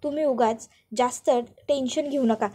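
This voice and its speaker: A calm, earnest young man questions and then reassures, as a woman narrator voices him. The voice stays light and high, with little change from the narrator's own. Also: normal speed, breathy edge.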